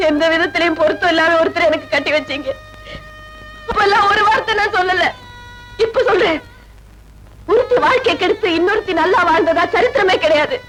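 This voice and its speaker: A betrayed, tearful young wife. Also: female voice, very high voice, fairly bright tone, rough recording. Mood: defiant. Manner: tearful, accusing. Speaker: wronged wife. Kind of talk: 1980s Tamil film acting. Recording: film soundtrack with music behind.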